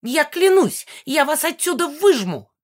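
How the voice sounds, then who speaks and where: A woman's voice: high voice, animated, normal speed, voice pushed up. A woman reading an audiobook, voicing a spiteful old female ghost who screeches and cackles threats. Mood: screaming. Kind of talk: audiobook character voice.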